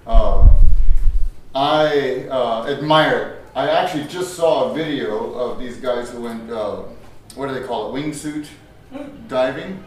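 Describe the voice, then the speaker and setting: An older man, a teacher trainer with a medium-pitched voice, runs a workshop and talks with the audience in a large, echoey room. He's chatty, laughs often and restarts sentences, and a cough leaves his voice a bit strained. The recording is very echoey, with his voice sounding far away.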